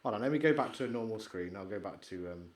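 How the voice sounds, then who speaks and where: A man co-hosting a podcast, chatting excitably and rambling, trailing off into mumbles while he searches. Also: fairly low pitch, quick pace. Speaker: podcast co-host. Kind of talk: casual chat.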